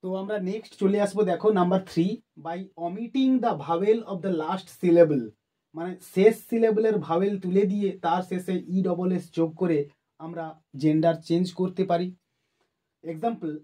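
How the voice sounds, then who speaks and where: A man with a Bengali accent explains grammar step by step, reading out numbered rules and one example word after another. His voice sits high yet sounds dark and mellow. He keeps a steady teaching pace. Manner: methodical, lists terms with numbered points and examples.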